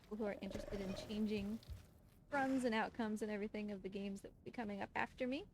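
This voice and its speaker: Streaming live for a charity marathon, a woman speedrunner gives casual gameplay commentary in a quick, mid-range voice with fairly even intonation and a darkish tone. She scolds the game creature in a playful, exasperated way. Game noise and ambience are clearly audible behind her.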